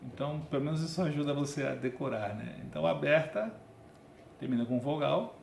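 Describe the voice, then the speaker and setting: A man's voice: medium pitch, creaky, a little hiss or hum. A man with a Brazilian Portuguese accent teaching a Biblical Hebrew grammar lesson in a conversational, explanatory way, often checking in with his listeners. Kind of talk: recorded online lesson. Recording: echoey room with faint ambience.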